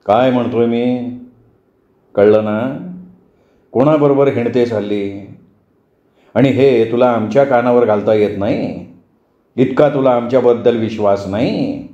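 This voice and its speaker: Guy doing a strict dad grilling his daughter, slow, holds his temper, mellow voice. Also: mid-range voice, natural voice. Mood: stern. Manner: slow, controlled, probing questions. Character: stern but restrained middle-aged father. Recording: roomy, dull lo-fi recording.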